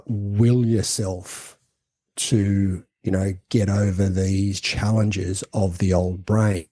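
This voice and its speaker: Man, podcast co-host, halting explanations, low-ish mellow voice. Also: no echo. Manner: halting, many restarts and fillers, explanatory. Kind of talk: casual podcast conversation.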